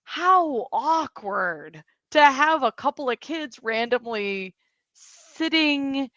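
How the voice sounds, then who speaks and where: A woman's voice: high-pitched, very animated, slow, fairly bright tone, no echo. A young American woman co-hosting a podcast, chatting casually with rambling asides and frequent laughs. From United States. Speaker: podcast co-host. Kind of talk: casual chat. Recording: slightly dull lo-fi audio.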